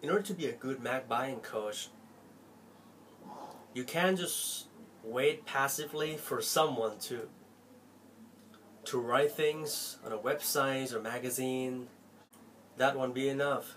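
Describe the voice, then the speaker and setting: This young Thai man, an Apple store employee with a Thai accent, addresses the camera from his small, messy bedroom in an earnest, pleading way. He talks slowly at medium pitch, pausing often, his volume swinging with feeling. A faint hiss or hum runs underneath.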